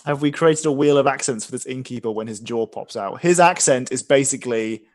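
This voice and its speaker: A man's voice: medium pitch, fairly quick, no room sound. Informal man narrating as game master. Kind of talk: game master narrating and chatting on a tabletop game stream.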